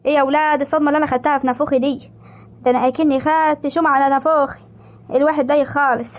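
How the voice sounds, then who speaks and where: A woman with an Egyptian accent voicing a brash, plump young village woman in an animated comedy, loud, mocking and theatrical. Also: high-pitched, very fast, natural voice. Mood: mock offended. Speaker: cartoon character.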